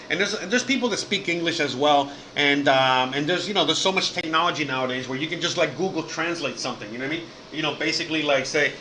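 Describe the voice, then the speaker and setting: A Cuban-American man from Miami, USA, with a Miami Cuban accent hosts a casual livestream chat while sick with food poisoning. His slightly high voice is bright and forceful, he rambles and swears a lot, saying "you know what I mean" often, and there's slight background noise.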